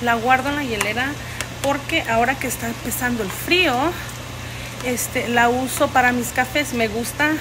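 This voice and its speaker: A chatty woman with a higher voice vlogs casually to the camera at normal speed, treating viewers like friends and switching between Spanish and English. She holds her phone at arm's length, first in her home kitchen and then in a car. The background is noisy.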